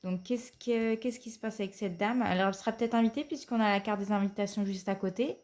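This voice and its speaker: With a cold, a card reader gives her viewers their weekly reading in a medium-pitched, slightly mellow voice at a quick pace. She sounds hesitant, fills her speech with fillers, and keeps repeating "tout simplement."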